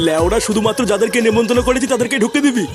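Man voicing a cartoon gangster boss, domineering, swearing, high-pitched, quick. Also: music in the background, lightly acted. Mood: angry. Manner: domineering, barking orders, swearing. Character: bossy swaggering male gangster groom. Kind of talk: cartoon voice acting.

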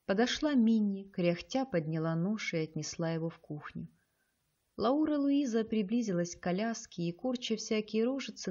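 A woman narrating an audiobook with a measured, expressive reading. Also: mid-range voice, muffled recording.

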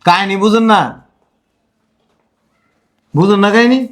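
A man acting a calm, questioning son-in-law in a family drama. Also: high voice, measured pace. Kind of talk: Bangladeshi village drama acting.

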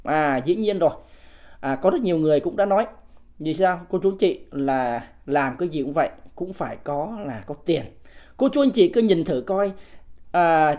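This livestream host, a man in his 50s with a high, darkish voice, riffs on politics without a script and keeps throwing rhetorical questions at viewers. Combative by nature, he bluntly chews out commenters with coarse words.

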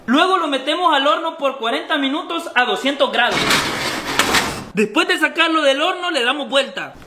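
A man doing comic sketches, jumping between silly voices with shouts and laughs. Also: very high-pitched, lively intonation, normal speed, noisy background. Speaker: comedy sketch creator. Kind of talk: comic sketches playing many characters. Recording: background music under the voice.

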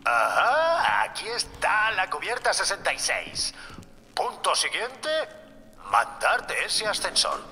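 Game role: creepy psychopathic-sounding nervous man, wildly swinging intonation, slow, in a reverberant hall. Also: high voice, very animated, sharp tone, faint music behind, full character voice. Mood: eager, unsettling. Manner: creepy psychopath-like, lilting delivery. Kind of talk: dramatic video game acting. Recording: hall reverb, faint ambient noise.

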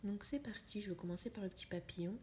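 A young woman chatting in a casual coloring vlog, musing to herself in a soft, often half-whispered voice. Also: mid-range voice, fast, slight background noise. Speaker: vlogger. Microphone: phone camera.

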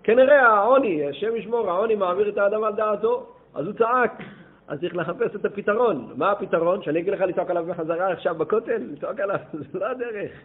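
A man, a rabbi with an Israeli accent, giving a sermon as a lively storyteller who acts out the dialogue of his stories. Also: sits high. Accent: Israeli Hebrew. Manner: lively storyteller, acting out dialogue with animated rises. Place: study hall. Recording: tinny phone-like lo-fi recording.

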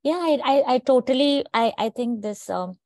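A woman host reflects in a measured, thoughtful way on her guest's words. Her voice is mellow and dry, recorded close with no room sound. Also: sits high, expressive, creaky, no echo. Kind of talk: reflective interview comments.

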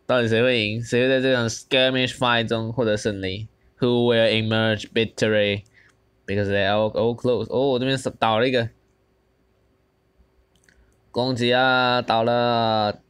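Excitable young man commentating gameplay. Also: mid-range voice, measured pace, smooth. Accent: Taiwanese Mandarin. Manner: excited, switches between Mandarin and English, lots of exclamations. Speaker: gaming channel host.

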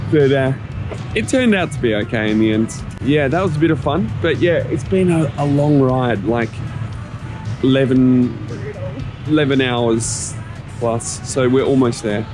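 A man's voice: medium pitch, unhurried, pauses often. A young Australian man filming a casual travel vlog with a handheld camera, laughing often. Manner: laughs often, chatty and upbeat. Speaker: travel vlogger. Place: apartment, bus, border checkpoint. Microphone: handheld camera at arm's length. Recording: background music.

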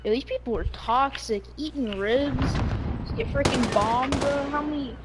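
A man's voice: extremely high pitch, a little slow. A young man talking like a hyped gamer bro, trash-talking in slang during an online match. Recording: noisy game chat with clicks. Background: loud game noise and clicks.

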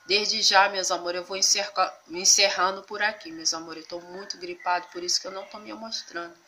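Her voice is mid-range, brisk and sharp, with fairly even intonation, and thick from a cold. She's a Brazilian woman recording her kitchen, groceries and cooking on a phone held over the food while she stays out of frame, casually and homely calling viewers "meus amores" and tossing in "tá" constantly.

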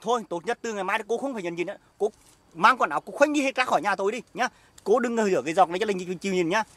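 A scornful, jealous husband with a Northern Vietnamese accent, acted by a middle-aged man, hurling sarcastic taunts in a rapid, fairly high voice. The sound is dry and close, recorded outdoors in an orchard for an amateur skit. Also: animated, fairly bright tone, dry recording. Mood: taunting. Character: jealous, hard-drinking husband, scornful and accusing.

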